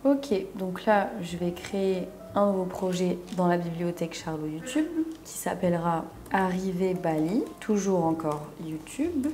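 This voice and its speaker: Young woman, editing tutor, casual slangy chat, self-mocking, warm mellow voice, faint room noise. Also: fairly low pitch, measured pace, few pauses.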